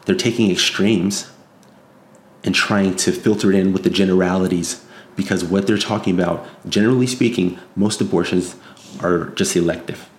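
A low-voiced man gives an off-the-cuff opinion monologue in an echoey room. He is earnest and insistent, moralizing as he warns of threats, and he repeats phrases to drive them home. A faint noise sits behind the voice. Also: fairly even intonation, moderate pace.

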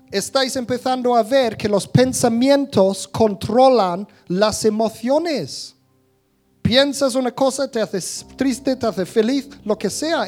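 A man's voice: high-pitched, darkish tone. A man giving a casual talk to an audience. He speaks conversationally, with many restarts, and acts out little scenes.

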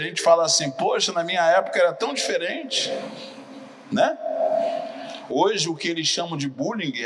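A middle-aged man from Rio de Janeiro, preaching a sermon as pastor and telling stories in a lively way while asking the congregation to answer back. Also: fairly high pitch, slight background noise. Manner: animated storyteller, asks the audience for replies.

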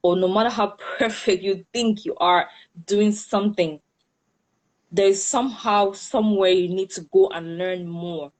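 A woman's voice: mid-range voice, a little slow. Cameroonian-accented woman in a casual interview. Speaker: interview guest, hairstylist and entrepreneur.

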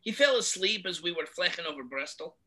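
A man voicing Hagrid, a big shaggy soft-hearted male giant who stammers tearfully in rustic speech. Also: high voice, animated, fairly quick, pitched above the performer's own voice, heavily acted. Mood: reporting. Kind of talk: amateur audiobook reading.

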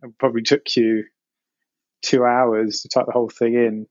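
A middle-aged man with an Essex accent talks through his memories in an informal interview. His pitch is average and he halts now and then to think aloud. The sound is very dry and a little muffled. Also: flat delivery, normal speed, dry recording. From Essex, England. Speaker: interview guest, game industry producer. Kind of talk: casual personal recollection.

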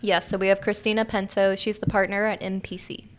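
A woman's voice: medium pitch, flat delivery, a little hiss or hum. Playful woman co-hosting a podcast. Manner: playful, quick interjections. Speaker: podcast co-host. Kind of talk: casual talk-show chat.

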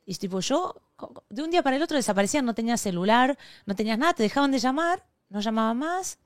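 A woman co-hosting a podcast, chatty, with quick asides and playful exaggeration. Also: fairly high pitch, animated, no room sound, clean studio sound. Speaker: podcast co-host. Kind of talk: casual chat.

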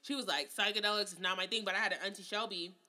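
Bright-voiced, profane woman ranting. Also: medium pitch, fairly even intonation, racing. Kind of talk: casual podcast chat.

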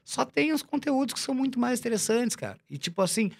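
A man, a musician guest in a casual chat, talking in an animated, slangy, emphatic way. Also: very high voice, fast, gravelly.

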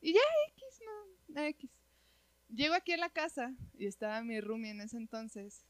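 Woman, Mexican accent, casual chat, animated and slangy, fairly high voice, dry close sound. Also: moderate pace, no room sound. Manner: animated, slangy, often says "güey". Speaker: storyteller.

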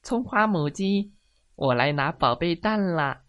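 A woman's voice: fairly low pitch, lively intonation, measured pace, dull audio, voice pushed up. A woman voicing a courteous duck parent who asks after its egg in a storybook reading. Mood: polite. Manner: courteous, eager. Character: polite duck parent, big feet.

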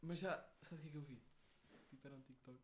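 Fast-talking young Portuguese man. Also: mid-range voice, fairly even intonation, a bit bright, slight background noise. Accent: European Portuguese. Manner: joking, teasing, slangy. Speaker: podcast co-host. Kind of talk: casual chat.

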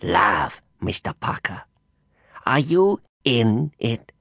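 A silky, threatening madam, voiced by a male audiobook narrator, drawls her words slowly with a lively, swooping pitch. Her menace sits under a theatrical sweetness, recorded dry and close. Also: creaky, dry recording, full character voice. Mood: seductive. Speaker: narrator voicing a character.

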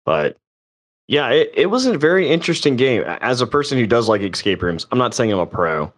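A man's voice: mid-range voice, very animated, a little fast, a bit bright. A man hosting a gaming podcast in casual chat, hesitant and full of restarts. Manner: hesitant, with many fillers and restarts. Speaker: podcast host.

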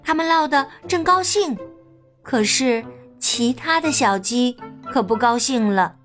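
Woman storyteller, children's picture book, gentle, expressive, slow, lively pitch, faint music.

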